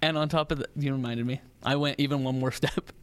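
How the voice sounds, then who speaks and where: A man's voice: mid-range voice, steady tone, fast, a little hiss or hum. A man in his thirties or forties co-hosting a podcast, telling personal anecdotes in a casual, jokey way. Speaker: podcast co-host.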